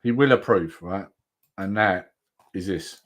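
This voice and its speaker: A man's voice: low voice, unhurried. A man in casual chat on a comics stream, recounting film scenes with swearing. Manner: animated storytelling with laughs and swearing.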